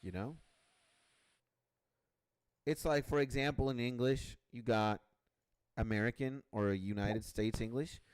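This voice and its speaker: A young Venezuelan man with a Venezuelan accent chats loosely and rambles while streaming a game, with game music clearly playing in the background. His medium-pitched voice is a little slow, and he pauses often.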